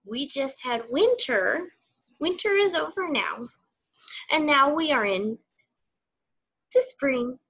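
A woman teacher reads a picture book aloud to young children in a warm, slow manner, asking them questions as she goes. Her voice is high and gravelly.

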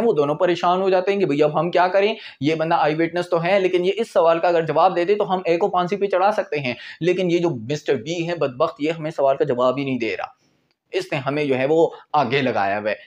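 In a small indoor room before a whiteboard, a man in his twenties with a Pakistani accent delivers a brisk law lecture in a fairly high voice. It's informal and conversational, peppered with English terms, and he acts out examples as he goes.

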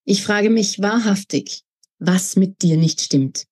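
A woman's voice: medium pitch, slow, a little mellow, husky. A woman voicing a stern, weary man in a read-aloud novel, with a dry, grumbling way of talking.

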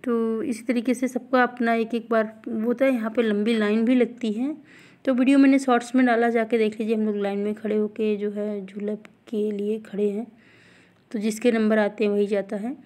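At a normal speed, a thirtyish woman narrates her vlog casually, her high-leaning voice very soft-edged and mellow with a mostly flat melody. She talks directly to viewers in a chatty way, repeating points and circling back to them.

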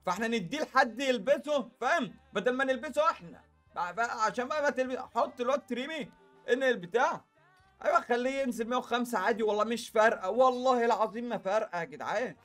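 A man's voice: extremely high pitch, quick pace, a bit bright, soft background music. A young man with an Egyptian Arabic accent giving casual gameplay commentary. He chats straight to his viewers and fills his talk with asides. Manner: chatty, talks straight to viewers with lots of filler asides. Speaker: gaming YouTuber.

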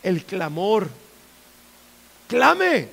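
Fervent high-voiced gravelly male preacher. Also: very animated, drawn-out words. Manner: fervent, repetitive, swings between loud and hushed. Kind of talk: sermon. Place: church.

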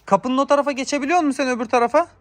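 A man, a father and dog owner, chatting casually to viewers in a yard while giving sharp commands to his dogs. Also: very high voice, racing, no echo. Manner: sharp commands to dogs, shooing them back. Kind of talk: casual vlog talk to viewers.

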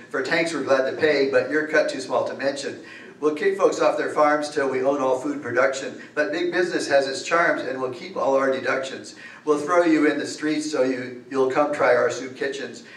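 An older man recites rhyming satire in a bouncy, mocking sing-song, his voice at an ordinary middle pitch. He stands at a podium mic, picked up by a camera well back in an echoey library room. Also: a bit bright, far from the mic. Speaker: open mic poet. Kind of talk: rhythmic satirical verse recitation. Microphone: podium mic, far camera.

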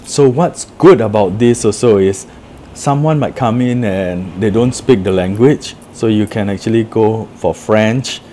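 A man with a warm, lowish voice demonstrates a product in an indoor office room with a table, explaining each step simply and casually at a measured pace. A little hiss or hum is audible.

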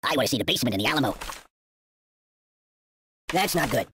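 An actor voicing a small male ragdoll toy in a mobile game, high and cartoonish, pleading, yelping and cracking jokes nonstop. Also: expressive, fairly quick, background noise, close to an everyday voice. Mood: quippy. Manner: yelps, pleads and quips nonstop. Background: loud game music.

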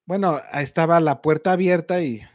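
A man's voice: fairly high pitch, a little fast, dry recording, clean studio sound. A young Mexican man hosting a podcast, telling a story casually, swearing freely and acting out angry phone rants. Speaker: podcast host.

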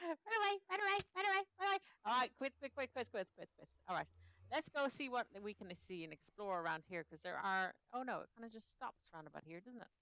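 A woman's voice: medium pitch, lively intonation, brisk, sharp tone, dry recording. A woman hosting a Minecraft let's play, chatting casually and playfully while she plays and sometimes breaking into sing-song. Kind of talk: casual gameplay commentary.

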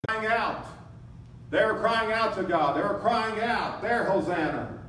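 A man's voice: high-pitched, expressive, measured pace, sharp tone, a little hiss or hum. A man preaching a sermon in a dramatic way, acting out voices from the crowd and lamenting. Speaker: pastor. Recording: echoey room, from a distance.

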